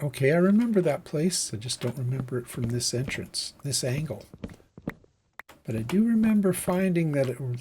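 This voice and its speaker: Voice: mid-range voice, a little mellow, a little hiss or hum. A let's-play host giving casual gameplay commentary, musing aloud and thinking through each task step by step.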